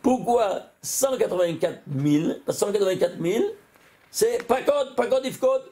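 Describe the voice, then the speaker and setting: High-voiced rabbi, exclamatory and questioning. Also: male voice, expressive, normal speed, dark tone. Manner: exclamatory, asks listeners questions often. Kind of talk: animated Torah lesson.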